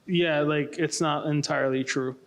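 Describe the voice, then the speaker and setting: A man's voice: a little high, fairly even intonation, normal speed. A man co-hosting a podcast, casual and rambling, laughing often as he chats. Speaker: podcast co-host. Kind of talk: casual chat.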